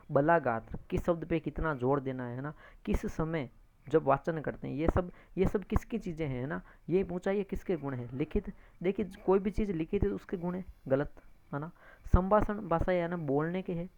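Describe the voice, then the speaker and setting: A teacher with a gravelly, creaky voice works through exam answers one by one. The teacher repeats each point, calls listeners friends and checks in with tag questions. The recording sounds dull and lo-fi. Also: mid-range voice, darkish tone. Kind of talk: exam-prep lecture, explaining answers.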